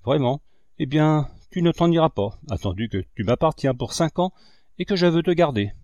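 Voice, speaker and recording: A man voicing a greedy, cunning middle-aged uncle in an audiobook, smooth and falsely kind, then harsh and threatening. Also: on the high side, lively intonation, normal speed, a little mellow, dry recording, muffled recording, pitched above the performer's own voice, natural voice. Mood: menacing. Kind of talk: audiobook reading.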